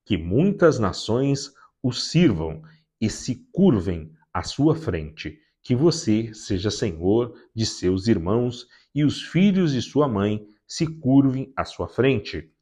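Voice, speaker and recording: A man reading aloud the words of an aged blind father, slow and solemn, as if pronouncing a blessing. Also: mid-range voice, very animated, mellow, breathy edge, full character voice.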